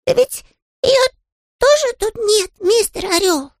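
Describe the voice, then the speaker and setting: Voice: extremely high pitch, expressive, slow pace, no room sound, studio quality, pitched above the performer's own voice, full character voice. A reader voicing a small, polite young male bear who sounds eager and innocent, in an audiobook. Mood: earnest. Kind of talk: audiobook character voice.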